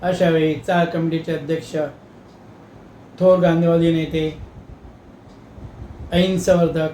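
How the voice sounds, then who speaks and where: High-voiced male comic storyteller. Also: echoey room, slight background noise. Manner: lively, dramatic telling.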